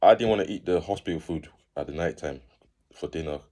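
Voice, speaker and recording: Young man, very low voice, chatty animated storyteller doing the other voices. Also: a little fast. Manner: animated, acts out quoted people in raised voices. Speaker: fitness channel host. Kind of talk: casual storytelling.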